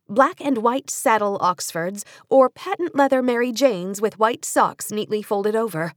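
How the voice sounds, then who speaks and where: In this audiobook, an American woman with a mid-range voice reads nonfiction meant for young readers. She's measured and clearly enunciated while telling it expressively, close to a studio microphone with no echo.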